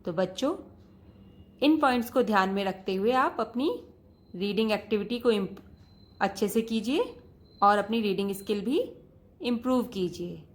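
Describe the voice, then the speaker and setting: A woman's voice: mid-range voice, expressive, moderate pace, pauses often. A woman teacher giving a patient lesson to children, often calling out to the students and repeating each point.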